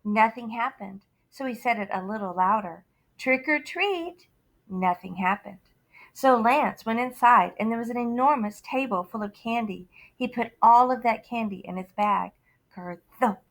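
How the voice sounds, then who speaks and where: A woman teacher reading a picture book aloud to her students, expressive with dramatic pauses and sudden shouts. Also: on the high side, low-quality recording.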